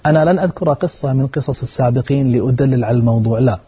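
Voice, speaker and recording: A man's voice: medium pitch, rapid-fire, slightly rough. A man preaching an earnest sermon, telling a moral story and urging his listeners, his voice climbing at emotional peaks. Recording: dull lo-fi recording.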